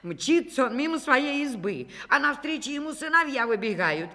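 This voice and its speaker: A woman telling a folk fairy tale aloud, with lively, dramatic shifts between hushed and loud passages. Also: sits high, moderate pace, big-room sound. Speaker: storyteller. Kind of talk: animated fairy-tale reading.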